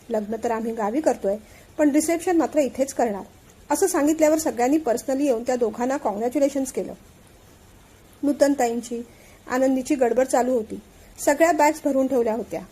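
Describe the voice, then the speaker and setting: Woman narrator, calm family-story reading, high voice with a soft, dark tone. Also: slightly rough.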